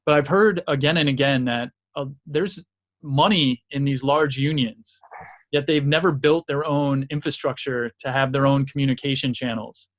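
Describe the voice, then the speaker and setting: A man's voice: mid-range voice, fairly even intonation, normal speed. A man interviewing a guest for a podcast, asking long, thoughtful questions with restarts. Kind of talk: casual interview talk.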